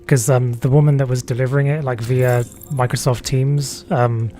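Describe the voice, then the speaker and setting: A man's voice: medium pitch, little pitch movement, normal speed, warm tone. A man chatting casually while playing a game on stream, talking freely and filling his sentences with "like". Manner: chatty, fills speech with "like". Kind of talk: casual chat while gaming.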